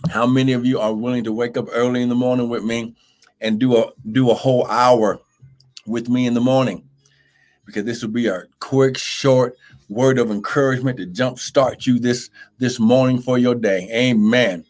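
A man with a mid-range, darkish voice delivers an impassioned live-streamed Bible sermon at a steady tone and moderate pace. He exhorts emphatically, repeats phrases, and draws out scripture for weight.

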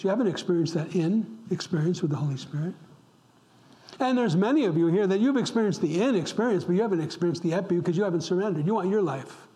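A middle-aged man from upstate New York preaches a sermon as a pastor in a church, his voice mellow and sitting high. He is impassioned, repeating words for emphasis and sometimes dropping to a whisper.

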